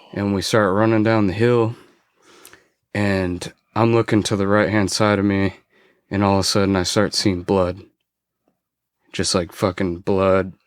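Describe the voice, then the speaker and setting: A man on a podcast, a former forest ranger, casually telling a story with frequent swearing and halting restarts. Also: on the low side, clear, resonant tone, dry recording, studio quality.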